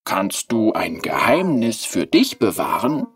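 Narrator playing a shy porcelain clockwork boy, slow. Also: mid-range voice, sing-song, slightly rough, no room sound, studio quality, far from the mic, full character voice. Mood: soft.

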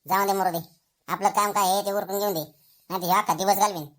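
A woman voicing a tired male schoolteacher who grumbles and pleads for calm. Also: mid-range voice, quick pace, pitched below the performer's own voice, close to an everyday voice. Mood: weary. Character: weary male schoolteacher running a class vote.

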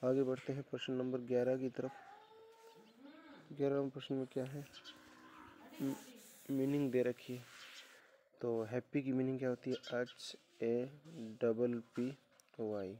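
Male teacher solving an exam paper, keeps asking the class the answer, dark monotone, bit of faint hiss. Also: mid-range voice, unhurried, pauses often. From India. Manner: repeats questions back to students; spells words letter by letter.

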